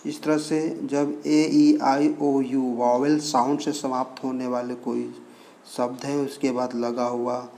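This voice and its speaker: A man explains pronunciation rules at an unhurried pace, naming letters one by one and saying each example word twice. His voice stays level and even, with little rise and fall. Faint crickets and insects chirp behind him. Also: mid-range voice, a little hiss or hum. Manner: slow, deliberate, spelling out letters one by one and repeating example words. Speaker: English pronunciation teacher. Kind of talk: Hindi-language explanation of English pronunciation.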